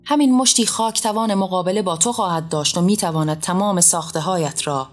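A woman voicing a proud, defiant man who shouts back at his judge. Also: mid-range voice, faint music behind, lightly acted. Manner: loud, defiant. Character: defiant proud mortal man facing judgment.

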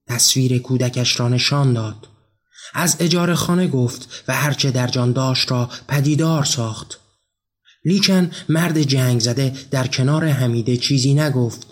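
A man narrating a literary story in a measured, somber way. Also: mid-range voice. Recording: faint music behind the voice.

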